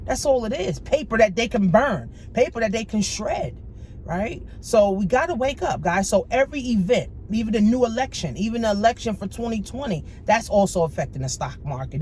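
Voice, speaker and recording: A woman's voice: a little high, a little mellow. A woman money coach giving a motivational vlog talk, emphatic, repetitive and slangy, with a preachy edge. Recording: clear traffic noise behind.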